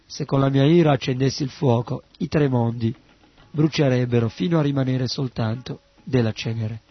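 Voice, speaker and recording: A man's voice: medium pitch, moderate pace, breathy edge, highs cut off, close to an everyday voice. A man voicing a defiant, boastful yogi. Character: arrogant male yogi claiming to be God.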